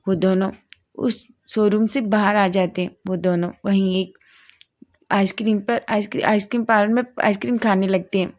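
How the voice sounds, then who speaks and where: A woman's voice: mid-range voice, fairly even intonation, normal speed, a little mellow. A woman narrating a fan story in a plain retelling manner, often correcting herself mid-sentence.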